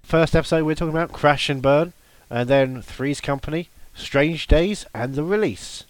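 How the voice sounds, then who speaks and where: A man's voice: fairly high pitch, normal speed, no room sound. A man co-hosting a podcast, joking and riffing in casual chat. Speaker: podcast co-host.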